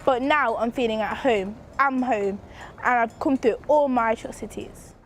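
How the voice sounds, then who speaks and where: A woman's voice: on the high side, normal speed, a little hiss or hum. A young woman performing spoken word poetry in an earnest, rhythmic recitation. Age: young adult.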